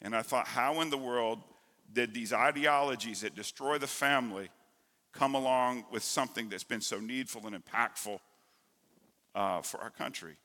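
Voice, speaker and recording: A man preaching a sermon as pastor, emphatic and rising to loud stresses, heard in an echoey church hall. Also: mid-range voice, moderate pace. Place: church sanctuary.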